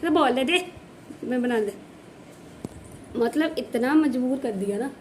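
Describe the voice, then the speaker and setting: A woman's voice: sits high, lively intonation, unhurried, slight background noise. A woman from the Jammu region, a village housewife vlogger, telling a story in a casual way and repeating phrases for emphasis.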